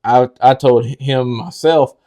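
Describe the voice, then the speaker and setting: A man's voice: medium pitch, slow, warm tone. A man co-hosting a sports podcast, arguing his opinions on rankings with confidence. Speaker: podcast co-host. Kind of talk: casual sports talk.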